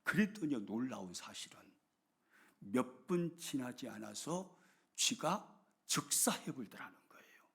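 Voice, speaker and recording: A middle-aged male pastor, preaching a sermon with dramatic swings between loud emphasis and hushed whispers. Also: mid-range voice, big pitch swings, a little slow, gravelly, husky.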